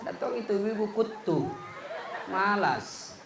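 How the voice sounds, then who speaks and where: A man's voice: sits high, expressive, measured pace, reverberant, background noise. A man with a Makassar accent preaching a comedic sermon, playful and often laughing as he tells his stories.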